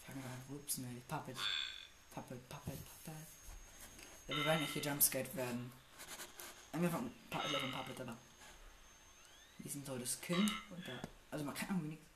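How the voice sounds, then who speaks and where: Jumpy young gamer muttering in an echoey room. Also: male voice, medium pitch, fairly even intonation, fairly quick, long pauses. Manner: jumpy, swearing under his breath, muttering to himself. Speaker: gamer playing a horror game. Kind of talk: casual let's-play commentary. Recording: echoey room with noticeable noise.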